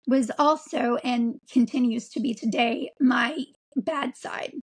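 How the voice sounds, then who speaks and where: High, husky-voiced woman in her forties. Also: rough recording. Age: 40s. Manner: halting, frequent ums and restarts. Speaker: interview guest. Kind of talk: candid personal account.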